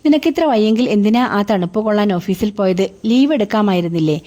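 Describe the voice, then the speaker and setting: A woman's voice: medium pitch, expressive, a little fast, warm tone, lightly acted. A woman reading the lines of a worried young man who scolds and questions his friend. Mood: scolding. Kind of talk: audiobook character reading.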